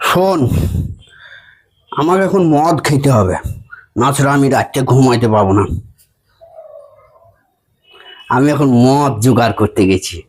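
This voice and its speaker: A man's voice: medium pitch, animated, normal speed, pauses often, close to an everyday voice, low-quality recording. A man playing a belligerent, boastful drunk husband who repeats himself in an amateur comedy sketch. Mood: stubborn, boastful.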